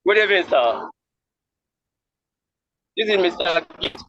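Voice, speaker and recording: A man's voice: high voice, expressive, a little slow, a bit bright, a little hiss or hum. A man from Nigeria, calling in to an online meeting. His call keeps dropping out and his voice breaks up as he checks whether he can be heard. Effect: call dropping out, voice breaking up on a bad connection. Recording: muffled, lo-fi online call line.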